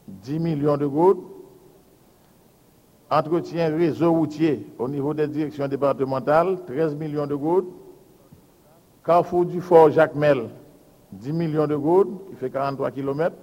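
A man, a public works official giving a formal budget presentation and reading out lists of figures in a measured, deliberate way. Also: fairly high pitch, a little mellow. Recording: hall with long reverb.

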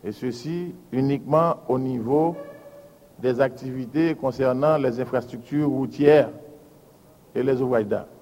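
A man, a public works official giving a formal budget presentation and reading out lists of figures in a measured, deliberate way. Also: medium pitch, warm tone, lo-fi sound. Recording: hall with long reverb.

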